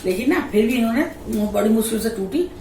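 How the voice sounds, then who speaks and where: A woman's voice: a little high, animated, quick pace, mellow, a little hiss or hum. Middle-aged woman telling a story, laughing easily. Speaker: vlogger. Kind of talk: casual storytelling chat. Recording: echoey room, voice a little distant.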